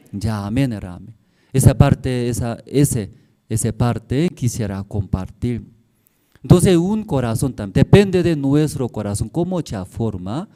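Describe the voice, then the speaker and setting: Male pastor giving a sermon, slow and mellow, broken simple spanish, acts out quotes loud then soft. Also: medium pitch. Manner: acts out quoted voices, rising and falling in loudness. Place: church service, streamed online.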